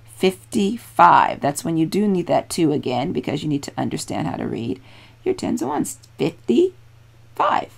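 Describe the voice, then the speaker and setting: A woman's voice: medium pitch, creaky. A woman teacher patiently explaining a children's math lesson, encouraging and repeating steps.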